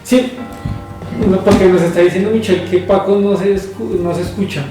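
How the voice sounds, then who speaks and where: Distant, echoey higher-voiced man. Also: steady tone, moderate pace, dark tone, soft background music. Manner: flustered, repetitive. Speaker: podcast host handling the call. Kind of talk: casual live show chat.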